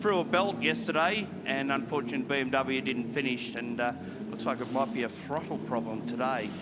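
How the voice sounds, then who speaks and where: A man's voice: mid-range voice, brisk. A man working as a motorsport commentator, calling a live race conversationally and filling in background detail. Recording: loud race car noise behind. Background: racing cars passing.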